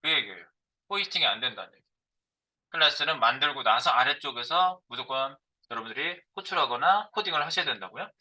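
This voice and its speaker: Lively, bright-voiced man teaching code. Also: mid-range voice, fast talker, rough recording. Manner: thinks aloud while typing code, asks and answers his own questions. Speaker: programming instructor. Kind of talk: live coding lecture.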